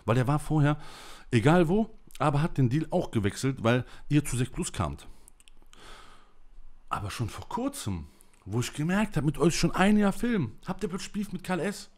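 A man's voice: fairly high pitch, sing-song, normal speed, a little mellow. A man delivering an angry, emotional monologue to camera, ranting in blunt, coarse language. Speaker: vlogger.

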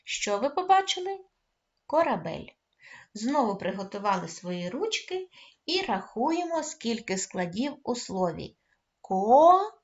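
Slow, coaxing woman teacher. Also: fairly high pitch, very animated, highs cut off. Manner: slow, coaxing, praises children often; calls words out loudly, drawing out syllables. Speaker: primary school teacher. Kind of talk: first-grade reading lesson.

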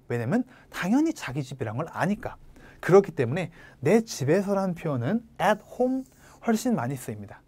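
A woman's voice: lowish voice, mellow, no echo. A woman with a Korean accent gives an online test-prep English lesson, drilling students to repeat after her. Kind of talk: online lecture.

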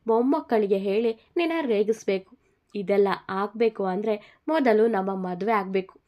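A woman's voice: mid-range voice, dull audio, natural voice. A woman voicing a young man, a fond, teasing groom, in a told love story. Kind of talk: storytelling dialogue.

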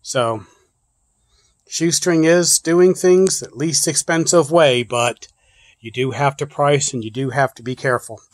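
This man's fairly high voice comes a little slowly, with no echo. Hosting a prepper channel, he unboxes gear on an outdoor porch and yard while talking casually off camera and thinking aloud with loose restarts.

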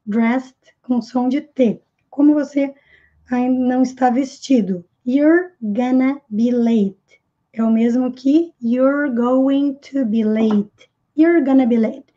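A Brazilian Portuguese-accented woman teaching an English lesson, explaining phrases and repeating the English lines slowly before translating them. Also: sits high, dark tone, dull audio. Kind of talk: language lesson.

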